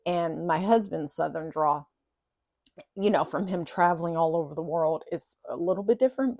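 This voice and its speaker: In a relaxed vlog monologue, a woman with a somewhat low voice tells a personal story. She is chatty and animated, adding playful asides that tease herself. The audio is close and dry, without any room echo.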